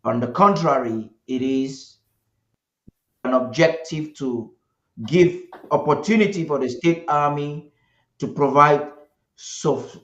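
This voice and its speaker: A man's voice: fairly high pitch, takes it slowly, a bit bright. A man hosts a live interview, pacing his formal phrasing with small halts and restarts. His voice comes through a roomy, echoing space on dull, lo-fi audio. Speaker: host.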